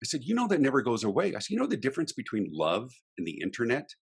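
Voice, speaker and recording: A man's voice: medium pitch, wildly swooping pitch, rapid-fire, creaky, breathy edge. A middle-aged man, a guest speaker on a podcast, talking emphatically in a ranting, example-filled way. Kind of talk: animated interview talk.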